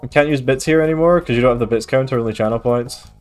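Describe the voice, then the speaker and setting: Faint music sits behind a mid-range, fast-talking man from Scotland with a mild accent who is streaming a game. Relaxed and chatty, he reads and answers his viewers' chat, filling pauses often.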